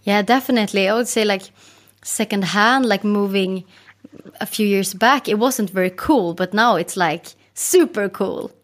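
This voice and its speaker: A woman's voice: mid-range voice, moderate pace. A woman hosting a podcast, reading scripted introductions and asking questions. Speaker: podcast host.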